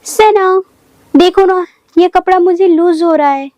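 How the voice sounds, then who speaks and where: A muddled young woman in a comic skit, put on by a woman, asks puzzled, protesting questions in a voice pitched even higher than usual. The sound is dry and close. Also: a little slow, dry recording. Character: confused young woman friend, muddled by English.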